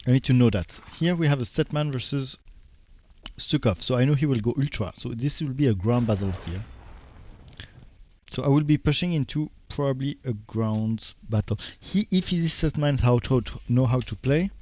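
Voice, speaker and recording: A man's voice: medium pitch, darkish tone, muffled recording. French-accented man with a tired voice. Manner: halting, repeats words while searching for English. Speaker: game streamer. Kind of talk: live game commentary.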